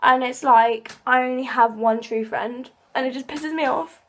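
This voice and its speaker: Young woman, 18, high voice, tearful rambling vlog vent with casual swearing. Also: moderate pace, fairly bright tone. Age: young adult. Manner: emotional, rambling, swears freely. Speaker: vlogger. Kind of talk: casual venting to camera.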